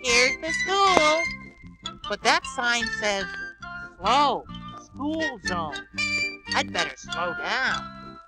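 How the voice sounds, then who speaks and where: A man voicing a big, sweet, childlike yellow bird on a read-along record, innocent and wondering aloud. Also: extremely high pitch, very animated, drawn-out words, pauses often, loud music behind the voice, full character voice, low-quality recording. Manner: innocent, wondering, talks to himself.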